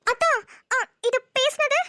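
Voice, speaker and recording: A woman voicing a jumpy young cartoon wife who scares easily and pleads in a whiny, excitable way. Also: extremely high pitch, slow pace, no room sound, clean studio sound, full character voice. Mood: puzzled. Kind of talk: cartoon voice dubbing.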